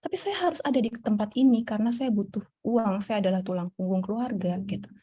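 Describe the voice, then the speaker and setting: A woman psychologist answering audience questions in a relaxed, explanatory talk, with frequent fillers and a style touch. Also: mid-range voice, quick pace, breathy edge. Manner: warm explanatory, many fillers. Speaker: psychologist guest. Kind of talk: casual Q&A talk.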